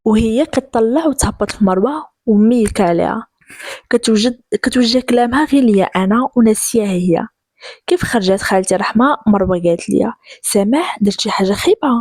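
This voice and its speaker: A woman with a Moroccan accent narrating a first-person story in a lively way, switching voices for the characters. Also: a little high, brisk, no room sound, studio quality.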